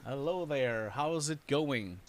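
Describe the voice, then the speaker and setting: A man's voice: mid-range voice, expressive, slow pace. A man hosting a live stream, chatting casually and rambling, laughing often. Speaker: host reviewing showreels. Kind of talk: casual livestream chat.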